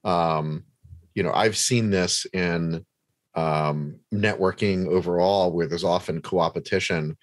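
A man's voice: low-pitched, steady tone, slow, dry recording. A man hosting a casual interview, talking in a rambling way with many fillers and restarts. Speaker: podcast host interviewing a guest.

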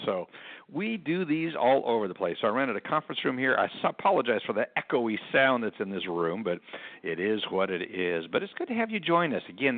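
Male radio host, chatty and rambling, recorded in an echoey conference room; gravelly, phone-thin sound. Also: mid-range voice, narrow, tinny audio. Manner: chatty, rambling with fillers and restarts. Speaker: podcast host. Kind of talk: casual radio talk with sponsor reads.

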